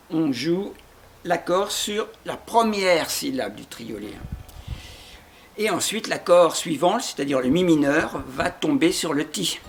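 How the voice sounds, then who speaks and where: A man with a high voice gives a guitar lesson at an unhurried pace, breaking each step down with patience. He sings short phrases to demonstrate. Plucked guitar chords ring clearly behind his voice. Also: a bit bright. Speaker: guitar teacher. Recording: guitar playing along.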